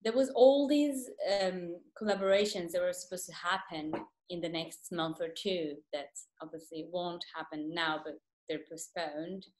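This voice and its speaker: A woman from Portugal talks in a lively way and gestures with her hands. Her fairly low voice sounds roomy over the webcam. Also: moderate pace, few pauses. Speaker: musician. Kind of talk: video call interview.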